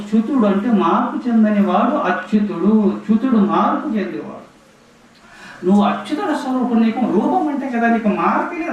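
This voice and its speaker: A man giving a devotional discourse, switching between fast explanation and slow sung lullaby verses. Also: sits high. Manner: alternates quick explaining with slow sung chanting. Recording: very echoey room, voice from a distance.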